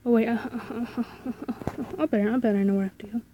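A woman's voice: on the high side, fairly even intonation, rapid-fire, highs cut off, slight background noise. A woman playing a horror game and commenting, hesitant and thinking aloud as she goes. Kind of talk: let's play commentary.

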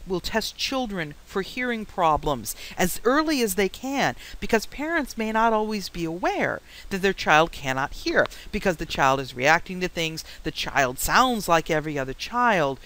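A woman teaching a psychology lecture, explaining points with anecdotes and deliberately varying her pitch, pace and loudness. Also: low-quality recording. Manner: varies pitch, rate and loudness on purpose. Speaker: psychology instructor. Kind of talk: classroom lecture.

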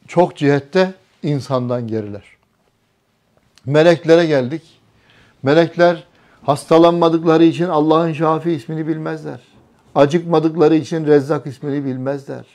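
A man's voice: a little high, a little mellow. A man giving a religious talk to a small group, often asking the listeners questions and repeating their answers. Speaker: religious teacher.

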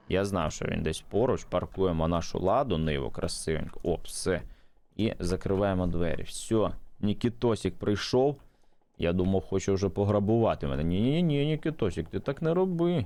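A man's voice: fairly low pitch, darkish tone. A man chatting casually to viewers while playing a mobile game, thinking aloud and reacting as he goes. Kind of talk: casual gameplay commentary to viewers.

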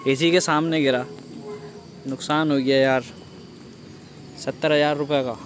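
A young man from India talks casually into his phone while walking outdoors, joking and teasing a friend. His voice sits a little high for a man. Clear background noise from outdoors runs under the phone recording. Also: steady tone, a little slow. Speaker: vlogger. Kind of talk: casual vlog chat. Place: outdoors at a hillside restaurant and park. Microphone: handheld phone.

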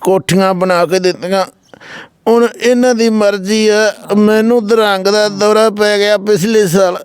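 A man playing a frail, elderly father in a staged comedy interview, speaking in a soft, weary, pleading voice with a Punjabi accent. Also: high-pitched, steady tone, a little slow, smooth. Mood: sorrowful. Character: frail elderly father neglected by his sons.

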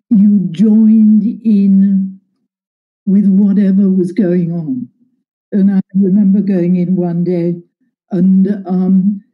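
An older woman from Yorkshire, England, recalling her cooking days as a guest in an interview, in a slow, measured way. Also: mid-range voice, narrow, tinny audio. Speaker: guest, cookbook author. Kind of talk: interview over a call.

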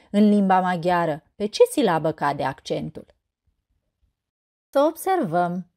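A woman teacher narrating a scripted lesson, saying example words slowly and carefully. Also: medium pitch, a little mellow.

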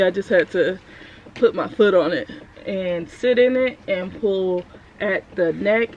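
A woman's voice: mid-range voice, dull audio, slight background noise. Chatty woman vlogging by her van. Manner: chatty, loose and rambling, with slangy asides. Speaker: mom vlogger. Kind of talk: casual vlog chat. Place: in and around a family van. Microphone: camera on a tripod.

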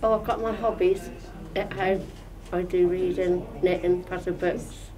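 A woman's voice: on the low side, steady tone, measured pace, a crowd in the background, low-quality recording. An older woman, a bingo customer, chatting casually as she is interviewed. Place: small indoor room, seated interview.

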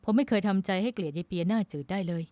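A woman voicing a lovesick, teasing young navy man in an audiobook romance, loud and pleading in emotional moments. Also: mid-range voice, expressive, racing, dry recording, lightly acted. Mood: tender.

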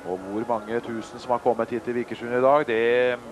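A man's voice: medium pitch, flat delivery. A man giving live sports commentary as the lead commentator on a ski flying broadcast. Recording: clear noise behind the voice.

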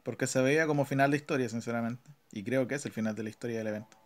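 Over background video game music, a Chilean Spanish-accented man delivers very fast, slangy live commentary on his gameplay in a mid-range voice. As a gaming video host he keeps it casual, half talking to himself.

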